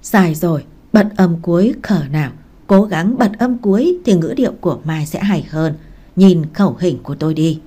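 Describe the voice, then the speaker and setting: A woman's voice: on the low side, normal speed, mellow, husky. A woman reading the lines of a composed young male scholar in a storybook, patient and firm as he tutors. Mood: instructive.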